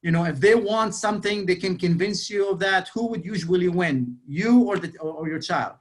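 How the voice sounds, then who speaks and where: A man in his forties speaks in a fairly high voice for a man. He keeps an energetic motivational sales talk going over a video call, firing questions at his listeners and leaning on "you know". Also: moderate pace. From Lebanon. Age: 40s. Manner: energetic, quizzes the audience, frequent "you know". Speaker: real estate sales speaker.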